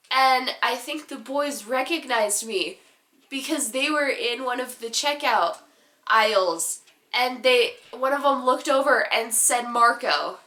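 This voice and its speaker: A teenage girl vlogger telling a casual story-time tale in an animated, giggly, rambling way. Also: high-pitched, reverberant.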